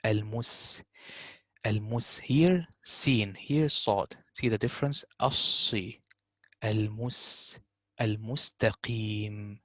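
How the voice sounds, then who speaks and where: A man teaching a tajweed lesson, slowly repeating words to show correct pronunciation. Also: on the low side, fairly bright tone, no echo. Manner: explains slowly, repeating words in Arabic recitation. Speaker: Quran recitation teacher.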